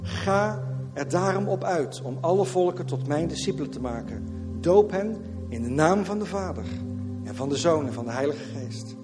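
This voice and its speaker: A man preaching a sermon to his church, lively and repetitive, slipping in English catchphrases. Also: a little high, moderate pace, long reverb tail, music in the background. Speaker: pastor. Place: church hall.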